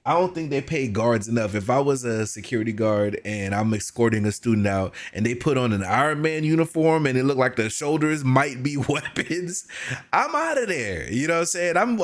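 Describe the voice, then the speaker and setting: Slangy man giving casual reaction commentary. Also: mid-range voice. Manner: slangy, conversational. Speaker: reaction video host.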